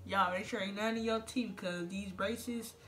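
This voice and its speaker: A woman's voice: medium pitch, steady tone, normal speed, fairly bright tone. A young woman vlogging in her bathroom, talking with a finger in her mouth, chatty and slangy as she speaks straight to her viewers. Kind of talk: casual vlog tutorial. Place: home bathroom. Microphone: phone camera. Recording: music playing behind.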